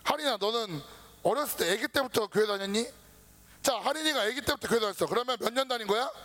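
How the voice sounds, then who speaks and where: A man preaching a casual sermon to a youth group, lively and informal, acting out his listeners' worries. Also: very high voice, fast. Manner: lively, talks down to students casually, acts out their worries. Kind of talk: sermon to teenagers.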